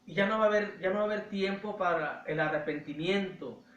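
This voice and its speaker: A Mexican man teaching a Bible study, emphatic and slowing down to stress key words. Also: high voice, a bit bright, far from the mic, muffled recording. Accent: Mexican Spanish. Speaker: preacher. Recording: roomy echo, voice from off-mic.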